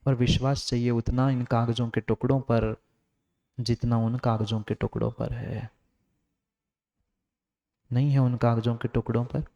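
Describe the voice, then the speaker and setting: A man giving a religious sermon as a monk, urging listeners with emphatic, repeated phrases, rising loud and high then dropping to hushed tones. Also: little pitch movement, unhurried, creaky, pauses often, muffled recording. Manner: emphatic, repetitive exhortation, swings from raised to hushed. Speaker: Jain monk preacher.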